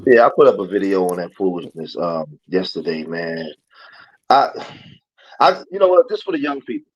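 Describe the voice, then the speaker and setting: A man's voice: low voice, big pitch swings, normal speed, husky, dull audio. A man in his forties, joining the livestream over his phone, talking about street life and lecturing with rising heat. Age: 40s. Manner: preachy, grows heated and louder. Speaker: guest. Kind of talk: casual talk on a livestream.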